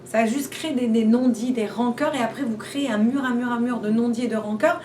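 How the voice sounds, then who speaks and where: A woman teaching an informal class chats along, firing off rhetorical questions and repeating and restarting herself. Her voice is on the high side yet dark in tone, steady, and a little fast. Captured in her classroom, the audio is roomy and distant with faint background noise.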